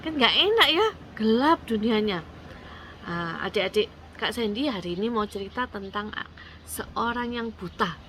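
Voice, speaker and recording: A young woman telling a Bible story to children in a lively, coaxing way, as a children's church storyteller. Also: medium pitch, a little hiss or hum.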